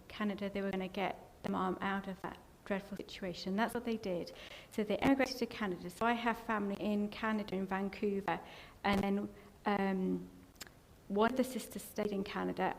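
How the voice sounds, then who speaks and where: An Englishwoman with vocal fry in her mid-range voice offers a personal testimony as a member of the church. Emotional and tearful at times, she rambles through her story. Long reverb from the church hall and faint background noise can be heard.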